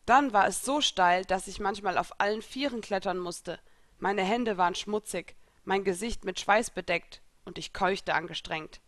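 A woman reading a first-person story aloud in an expressive, lively storytelling manner. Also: mid-range voice, moderate pace, no echo. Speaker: reader.

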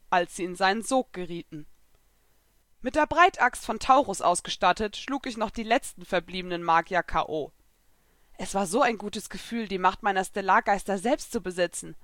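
A woman reads a first-person story aloud with expressive storytelling. Her medium-pitched voice is recorded close and dry. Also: dry recording. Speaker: narrator. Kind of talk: first-person audiobook narration.

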